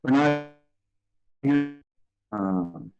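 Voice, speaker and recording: A man's voice: medium pitch, expressive, drawn-out words, a little mellow, muffled recording, faint music behind. A man speaking as a guest on a video call, his audio choppy and breaking up as he halts and searches for words. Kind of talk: remote talk on a video call. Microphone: computer mic on a video call.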